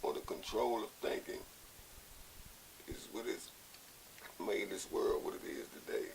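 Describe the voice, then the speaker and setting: An American man giving a blunt, profane, impassioned monologue, sounding drunk and rambling, with halting repeats and a gravelly voice. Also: on the low side, fairly even intonation. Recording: hissy, noisy amateur recording.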